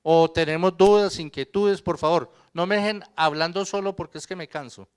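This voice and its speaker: A man lectures a seminar room in a casual, conversational way, stopping to quiz his listeners and tease them. His voice sits fairly high and comes through smooth and resonant. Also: normal speed. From Colombia. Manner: conversational lecturing, quizzes the audience, jokes. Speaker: accountant presenting to a seminar. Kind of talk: live seminar presentation.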